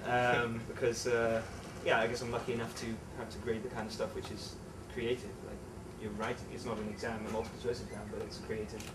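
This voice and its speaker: A man's voice: medium pitch, fairly quick, few pauses. Chatty young man, distant mic. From England, raised in the Netherlands. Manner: relaxed, chatty, many fillers and restarts. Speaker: interview guest, English teacher. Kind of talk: casual interview chat. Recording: distant mic with clear background noise.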